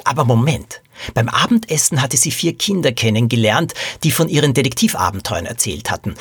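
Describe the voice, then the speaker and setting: A man narrating a detective story as host of a podcast, reading in a lively, animated way. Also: medium pitch, breathy edge, dry recording.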